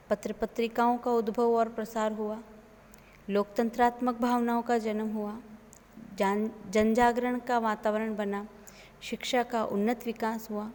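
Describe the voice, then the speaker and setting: Slow-paced woman lecturer in echoey room. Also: a little high, a little mellow. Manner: slow, measured explanation with listed examples. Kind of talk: online lecture.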